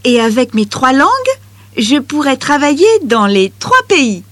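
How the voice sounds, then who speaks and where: A woman's voice: sits high, animated, unhurried, fairly bright tone, no room sound. A woman playing a chatty trilingual teenage girl in a scripted listening exercise. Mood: cheerful.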